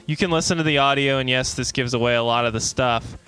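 A man's voice: mid-range voice, quick pace, bright, forceful tone, a little hiss or hum. A man co-hosting a casual review, rambling and enthusiastic. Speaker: co-host reviewing a theme park attraction.

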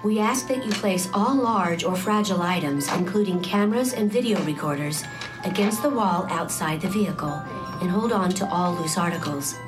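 Woman making a formal safety announcement over loud music. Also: fairly low pitch, moderate pace. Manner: formal, instructional public-announcement delivery. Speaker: safety announcer on a theme park ride. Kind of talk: scripted airport-style safety announcement.

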